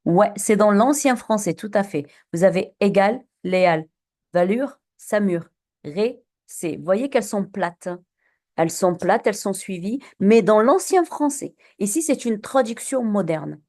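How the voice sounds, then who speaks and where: A woman teacher with a warm, mellow, mid-range voice and lively intonation leads a classroom poetry lesson. She speaks patiently, quizzes her students repeatedly, and fills pauses with lots of hesitations and restarts, captured by a recorder in the room.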